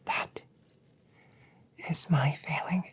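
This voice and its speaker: In a roleplay audio drama, a woman voices a female android sharpshooter who is protective and weighed down by guilt. She speaks in a breathy whisper, her phrases slow, measured and soothing, and the mood is remorseful.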